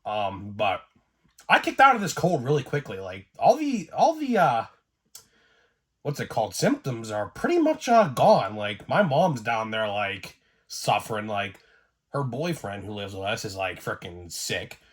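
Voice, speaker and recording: A man's voice: lowish voice, a little slow, husky. Rambling man getting over a cold. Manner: rambling and excitable, with lots of fillers. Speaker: sports card YouTuber. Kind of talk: casual vlog commentary.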